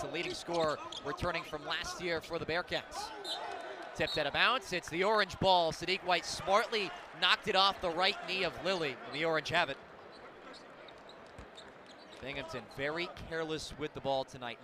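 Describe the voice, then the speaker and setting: Live sports commentary comes from an American man doing radio play-by-play inside a basketball arena, his voice on the high side. He delivers short, descriptive calls that lift during the big moments, over clearly audible game noise and the bounce of basketballs.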